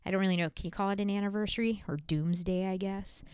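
A woman's voice: mid-range voice, fairly even intonation, fast talker, a little mellow, smooth, dry recording, studio quality. Playful woman hosting a podcast. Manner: playful, teasing interviewer. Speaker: podcast host. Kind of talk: casual podcast interview.

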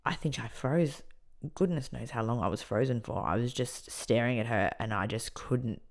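A woman's voice: rumbling low, normal speed. Woman telling an emphatic personal story. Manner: emphatic, animated retelling. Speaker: podcast storyteller.

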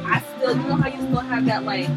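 A woman's voice: high voice, fairly even intonation, fast talker, distant mic, loud music behind the voice. A woman with a Queens, New York accent chatting casually and emphatically as a guest. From Queens, New York City. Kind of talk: casual chat.

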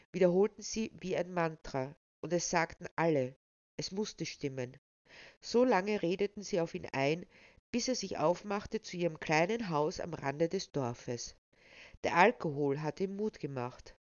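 A woman presenting a novel and reading an excerpt aloud in a measured, expressive way. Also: low voice, no room sound. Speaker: book presenter and reader. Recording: slightly dull, dry sound.

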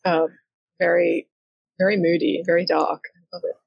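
Brief: woman game master, low gravelly voice, chatty and hesitant, dull lo-fi recording. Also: flat delivery, moderate pace, no echo. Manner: chatty, filler-heavy, hesitant. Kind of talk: narrating a collaborative comic story game. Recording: dull, lo-fi and dry.

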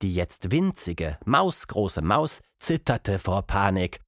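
A man narrating a children's audiobook with expressive storytelling. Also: low-pitched, slow pace, no echo, clean studio sound.

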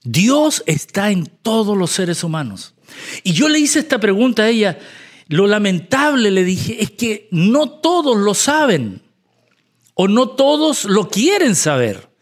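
A man preaching a storytelling sermon, emphatic, swinging between loud exclamations and soft asides. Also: high-pitched, sing-song, unhurried.

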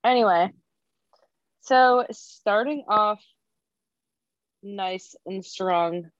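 A woman's voice: medium pitch, dry recording. A young woman co-hosts a laid-back podcast chat, laughing often and stretching out her phrases. Her voice sits in a middle range. The recording is dry and a bit dull, with a lo-fi edge. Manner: giggly, chatty, drawn-out phrasing. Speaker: podcast co-host. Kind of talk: casual chat.

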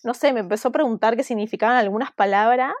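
A woman, an interview guest who tells her experiences in a lively, animated way, often laughing as she goes. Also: on the high side, quick pace, no echo. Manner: animated, vivid retelling with frequent laughs. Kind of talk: casual storytelling in an interview.

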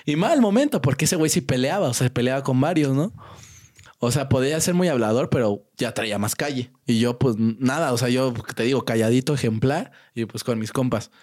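Young Mexican man, podcast co-host, playful storyteller who mimics voices, middle pitch. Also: fairly quick. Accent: Mexican Spanish. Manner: animated storyteller, acts out quoted voices, laughs often. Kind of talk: casual storytelling chat.

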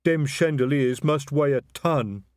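A man voicing a big, slow-witted male troll who explains things earnestly in plodding, ungrammatical speech. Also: medium pitch, darkish tone, no echo, clean studio sound, pitched above the performer's own voice, lightly acted. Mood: respectful.

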